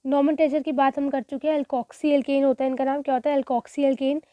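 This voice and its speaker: A woman's voice: high-pitched, flat delivery, fairly quick, mellow, dry recording. A woman teaching a chemistry exam revision lesson, asking herself questions and repeating the key terms, mixing in English phrases. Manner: mixes Hindi with English phrases.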